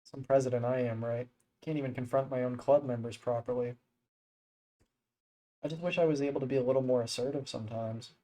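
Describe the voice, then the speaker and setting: A man reading the lines of a soft-spoken, apologetic teenage girl club president aloud. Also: mid-range voice, steady tone, brisk, pauses often, close to an everyday voice, rough recording. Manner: gentle, apologetic, read aloud from screen.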